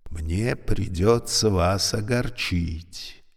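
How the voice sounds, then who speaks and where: A man voicing an old, creaky, talking elevator, speaking slowly and courteously with a weary, sorrowful politeness. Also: low voice, big-room sound, pitched above the performer's own voice, exaggerated voice. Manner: slow, courteous, mournful.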